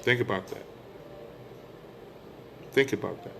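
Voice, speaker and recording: Soft music plays behind a middle-aged American man giving an informal religious monologue for online followers. His fairly low, creaky, somewhat bright voice moves a little slowly, and he speaks emphatically, repeating phrases and asking rhetorical questions.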